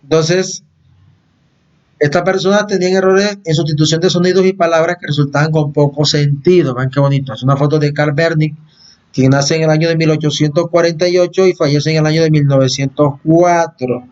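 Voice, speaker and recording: A man's voice: fairly high pitch, steady tone, brisk, a little mellow. Man lecturing with a tag-question habit. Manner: explains patiently, repeats phrases and checks in with "¿no?". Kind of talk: recorded lecture on language. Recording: dull, lo-fi recording.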